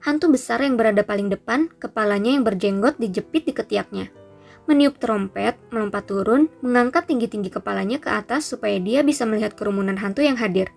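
A woman narrating a storybook audiobook in a steady, even reading voice. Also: medium pitch, a little fast, vocal fry, soft background music. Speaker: audiobook reader.

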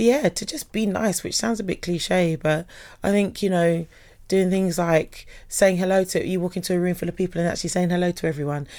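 Woman, chatty, animated, laughing, casual podcast guest. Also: fairly low pitch. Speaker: guest singer.

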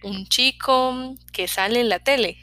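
A woman voicing a quiet teenage boy who answers in short, hesitant phrases. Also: on the high side, a little slow, dry recording, faint music behind. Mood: shy. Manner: terse, hesitant replies. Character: shy quiet teenage boy, few words.

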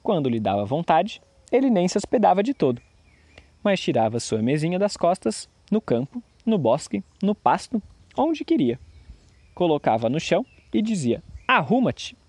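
A man's voice: a little high, very animated, normal speed, warm tone, no echo. A man narrating a fairy tale expressively, doing voices for the figures.

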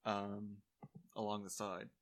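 A man narrating as game master of a tabletop game, relaxed and laughing easily. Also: on the low side, takes it slowly.

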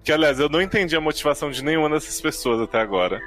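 A Brazilian man hosts a relaxed podcast chat with a very expressive voice that rises and falls all the time. He laughs easily and swears without a second thought. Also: a little high, rapid-fire, soft background music. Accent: Brazilian Portuguese. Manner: animated, laughs often, swears casually. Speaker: podcast host. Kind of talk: casual panel chat.

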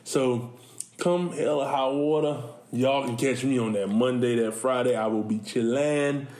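A man's voice: medium pitch, steady tone, measured pace, darkish tone. A man co-hosting a casual podcast, telling stories animatedly with lots of laughter and repeated words. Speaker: podcast co-host and school coach. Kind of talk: casual chat. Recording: echoey room.

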